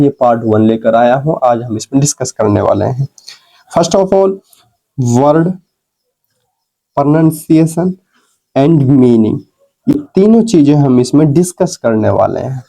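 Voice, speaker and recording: A man's voice: mid-range voice, mellow, low-quality recording. A man teaching an English lesson, asking and answering his own questions and spelling words out letter by letter. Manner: often adds "theek hai" as a check-in. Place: recorded while scrolling through on-screen notes.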